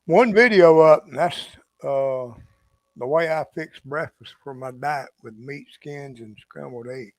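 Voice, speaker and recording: A man's voice: on the high side, measured pace, darkish tone, dry recording, rough recording. A man, chatting casually on a live stream in a folksy, drawling way. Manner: muttering to himself while clicking through settings.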